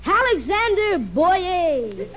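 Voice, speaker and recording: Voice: extremely high pitch, big pitch swings, slow pace, full character voice. A performer playing a cheeky, stage-struck schoolboy with an American accent and grandiose airs in an old-time radio comedy. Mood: hammy, grandiose. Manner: grandiose, eager, theatrical. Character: Alexander, hammy, cheeky schoolboy son with theatrical airs. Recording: muffled noisy old radio recording.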